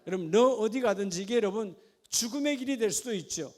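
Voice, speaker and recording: A man preaching a sermon, asking the congregation questions in a folksy way and at times dropping to a quiet, chatty aside. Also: high-pitched, animated, fast. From Gyeongsang region of Korea. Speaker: pastor.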